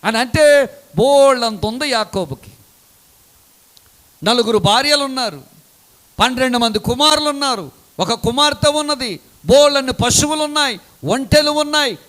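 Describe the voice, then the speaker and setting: Man, preacher, very high pitch, bright ringing tone, dramatic sermon. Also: expressive, moderate pace, pauses often. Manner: dramatic preaching, swings between loud calls and low asides.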